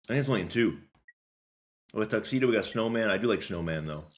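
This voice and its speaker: A young male game streamer gives casual, slangy gameplay commentary and chats with viewers, joking and rambling. His voice is fairly low, animated, and quick.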